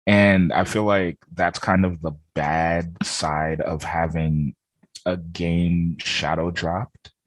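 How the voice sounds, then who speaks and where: A man's voice: low voice, slightly rough, no room sound. A man co-hosting a gaming podcast, talking casually and rambling with lots of fillers over a remote call. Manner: relaxed, rambling with many "like" fillers. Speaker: podcast co-host.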